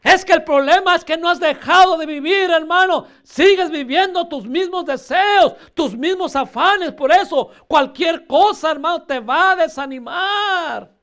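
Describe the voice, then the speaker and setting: A man's voice: extremely high pitch, a little slow, few pauses, fairly bright tone. A male pastor preaching a fervent sermon, repeatedly calling his listeners brother.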